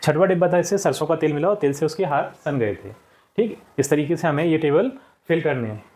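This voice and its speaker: Male teacher, slightly higher voice, patient and repetitive, talking young pupils through exercises. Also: expressive, brisk, darkish tone. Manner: patient, repeats answers and checks with "ठीक". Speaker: school teacher. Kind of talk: explaining a textbook lesson to children.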